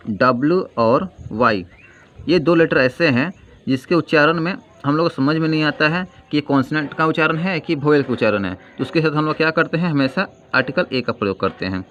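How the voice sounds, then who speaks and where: A male grammar teacher giving a lesson, asking questions and answering them himself and repeating key terms slowly. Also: fairly high pitch, expressive, fairly bright tone. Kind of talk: classroom-style grammar lesson. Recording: dull lo-fi sound with faint noise.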